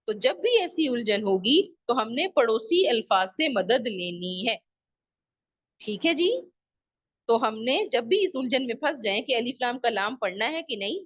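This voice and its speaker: A woman's voice: high voice, a bit bright, no room sound, lo-fi sound. A woman teacher giving an online lesson to children, patiently repeating rules and examples and asking the class questions. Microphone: video call microphone.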